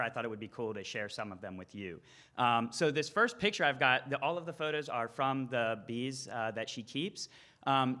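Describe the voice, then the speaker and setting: Male speaker, average pitch, crisp-edged bright tone; casual explainer full of hesitant ums. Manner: hesitant, filler-heavy explaining. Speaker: conference speaker.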